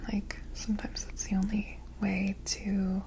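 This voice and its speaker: A woman in a whispered role-play as an ASMR energy healer, with an airy, breathy whisper and a gentle, soothing, mystical manner. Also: mid-range voice, monotone, unhurried.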